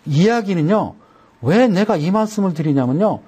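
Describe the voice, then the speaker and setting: Husky, lively man teaching chart settings. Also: high-pitched, normal speed. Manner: chatty, repeats steps, folksy jokes. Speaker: stock chart instructor. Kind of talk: broadcast trading lesson.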